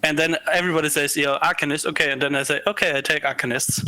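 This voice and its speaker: Bright-voiced man from Austria. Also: on the high side, fairly even intonation, fast talker, dry recording, poor audio. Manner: simple phrasing, storytelling. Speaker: guest player. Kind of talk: casual gaming discussion.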